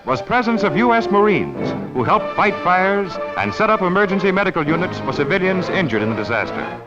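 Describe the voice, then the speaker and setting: A man's voice: high voice, big pitch swings, brisk. A man narrating a late-1940s newsreel in an emphatic announcer manner. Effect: old newsreel narration. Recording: dull lo-fi archival sound with loud music. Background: music score.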